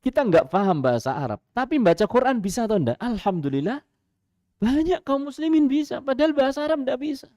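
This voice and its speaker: This Islamic preacher, a man with a Javanese accent and a very high-pitched voice, speaks fairly quickly in a radio sermon, animatedly telling stories, asking rhetorical questions and chuckling. The recording is dry and studio quality.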